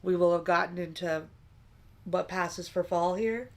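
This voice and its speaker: A woman's voice: lowish voice, measured pace. A woman, tired and yawning, chatting dryly and teasingly with her co-host. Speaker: livestream co-host. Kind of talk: casual chat.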